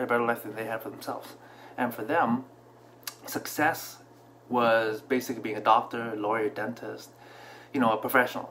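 Relaxed man telling a story to camera. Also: mid-range voice, a little hiss or hum. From Canada. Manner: relaxed, reflective, with frequent fillers and restarts. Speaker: vlogger. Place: small room at home, indoors. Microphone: camera in front at desk distance.

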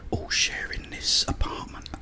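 A middle-aged man whispering a hesitant, rambling ASMR chat into a close microphone while eating crunchy fried chicken. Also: unhurried. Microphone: close desk microphone with foam windscreen.

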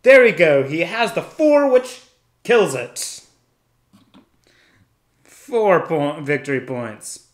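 Slow-talking man in an echoey room. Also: fairly high pitch, sing-song. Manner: thinks aloud, calls out rolls step by step. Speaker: tabletop wargame player narrating a solo battle. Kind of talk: casual play-by-play of dice rolls.

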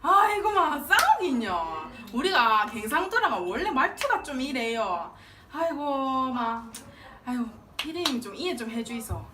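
An actress playing a brash middle-aged mother with a thick Gyeongsang accent, scolding and fussing in a lively, high voice. Recorded from a distance in an echoey hall, with her voice ringing off the walls. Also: measured pace, noisy background. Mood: coaxing. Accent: Gyeongsang Korean. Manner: loud, scolding, exclaims aigo often. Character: loud Gyeongsang mother, pushy churchgoing wife. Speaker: actor in church drama skit. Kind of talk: stage skit acting.

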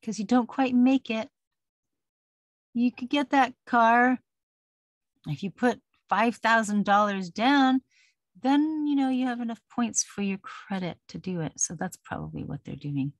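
A woman's voice: fairly high pitch, measured pace, no room sound, clean studio sound. A middle-aged woman talking casually and rambling, laughing now and then. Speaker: vlogger. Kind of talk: casual personal talk.

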